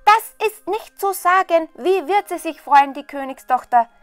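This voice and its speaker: A woman voicing a foolish, cheerful young peasant lad who shouts with glee. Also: extremely high pitch, normal speed, no echo, pitched above the performer's own voice. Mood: gleeful. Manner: excited, shouting gleefully.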